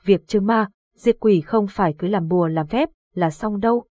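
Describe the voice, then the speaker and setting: A woman's voice: medium pitch, mellow, dry recording, lightly acted. A woman reading as a grave old exorcist. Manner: measured, authoritative. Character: calm old exorcist master, knowing.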